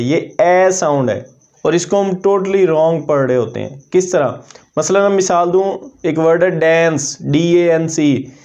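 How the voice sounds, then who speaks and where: A man's voice: on the high side, darkish tone. A man teaching a lesson, explaining step by step and repeating example words aloud. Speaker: English teacher. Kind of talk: classroom-style lesson. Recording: dull lo-fi recording.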